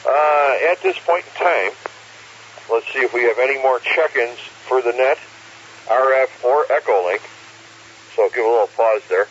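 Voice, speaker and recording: A man's voice: mid-range voice, normal speed, a bit bright. A man with a folksy, joking way of talking, casually hosting an amateur radio net as net control, over a radio transmission with static. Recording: hissy, muffled radio with static.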